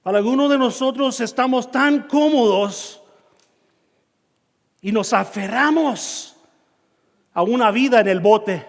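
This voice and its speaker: Man, preacher, storytelling sermon, very high voice, church hall echo. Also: slow pace, pauses often. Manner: storytelling, acts out his own shouts and dialogue. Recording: long reverb of a church hall.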